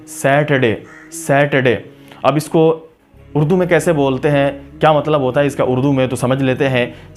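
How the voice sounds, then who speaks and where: Male language tutor, formal and courteous, slow repeat-after-me drills, middle pitch, light music underneath. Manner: slow, repeats each word for pronunciation drills; formal, courteous address to viewers. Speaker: spoken English teacher. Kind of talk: lesson for a video channel.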